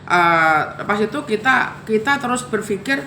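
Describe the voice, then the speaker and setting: Bright-voiced Javanese woman telling her story. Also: medium pitch, lively intonation, unhurried, roomy sound, a little hiss or hum. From Java, Indonesia. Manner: conversational, repeats "guys" often, emotional retelling. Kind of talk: casual storytelling to viewers.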